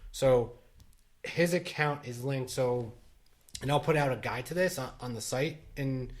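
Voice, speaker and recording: A middle-aged man co-hosting a casual podcast chat. He rambles, circles back and restarts his sentences, and his voice sits at an ordinary pitch for a man. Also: measured pace. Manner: rambling, many restarts and fillers. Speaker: podcast co-host.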